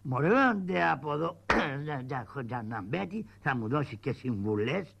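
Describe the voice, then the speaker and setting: A scrappy, cheeky shadow-puppet trickster, as a man puts him on, with a gravelly, lowered voice and swooping, lively pitch. He talks back fast and mocking, with faint music behind him. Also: a little hiss or hum. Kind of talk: shadow-puppet theatre acting.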